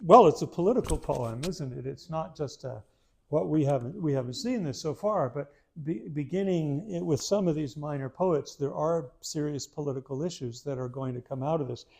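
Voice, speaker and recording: Conversational, mellow-voiced male lecturer. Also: on the high side, normal speed, gravelly. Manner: conversational and self-deprecating, with frequent restarts. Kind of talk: literature lecture to a small audience. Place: room in a historic house with a live audience.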